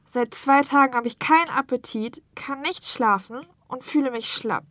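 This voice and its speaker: A woman acts out a worried female patient who is down with a cold. Her voice is high and plaintive, with careful articulation. It is a dry recording of a scripted language-learning dialogue. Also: normal speed, fairly bright tone, no room sound. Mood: unwell, plaintive.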